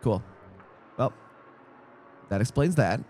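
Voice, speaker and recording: A man's voice: mid-range voice, lively intonation, slow pace, a little mellow, a little hiss or hum. Chatty young man streaming race commentary. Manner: rambling, distracted, jokey. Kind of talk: casual live-stream commentary. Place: home streaming setup.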